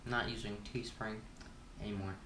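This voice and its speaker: A man's voice: lowish voice, flat delivery, moderate pace, pushed and bright, a little hiss or hum. Teen male YouTuber host, laid-back rambler chewing gum, roomy echo, mic some distance off. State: chewing gum while talking. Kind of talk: casual Q&A vlog.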